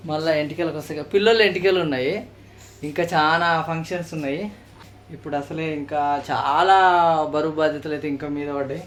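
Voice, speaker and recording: Vlogging man, coaxing and soft, slightly raised voice, light background noise. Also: a little high, fairly even intonation, a little fast. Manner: coaxing, gently consoling. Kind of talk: casual family vlog chat.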